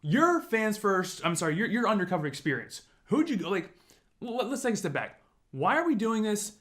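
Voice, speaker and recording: A man co-hosting a casual podcast, talking in an energetic, upbeat and rambling way. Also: high voice, moderate pace. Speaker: podcast co-host.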